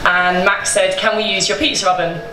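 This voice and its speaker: A young woman who co-owns a bakery tells its story on stage in a small indoor event space, speaking into a handheld mic before a seated audience. Her medium-pitched voice is brisk with fairly even intonation, and her delivery is casual, chatty and loose, full of swearing and laughter. The sound is roomy and distant, with room noise behind her.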